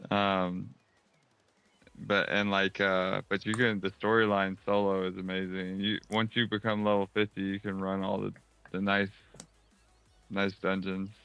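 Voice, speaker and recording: A man's voice: low voice, level tone, measured pace, fairly bright tone, smooth, faint music behind. A man chatting over a voice call, easygoing and rambling about a game he likes. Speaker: cousin on voice call. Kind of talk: casual chat over voice call. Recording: dull voice-chat audio.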